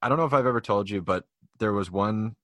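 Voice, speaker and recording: A young man with a low, deep voice talks easily in an unhurried podcast chat. He explains things at length, with plenty of fillers and restarts. The sound is close and dry, with no room around it. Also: fairly bright tone, dry recording. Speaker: podcast co-host. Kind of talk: casual chat.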